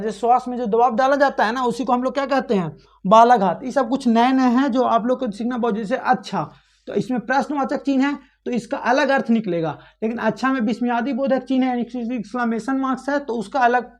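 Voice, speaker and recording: Woman, teacher, fairly high voice, classroom lesson, asks and answers her own questions, repetitive drilling. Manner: asks questions and answers them, repeating key points.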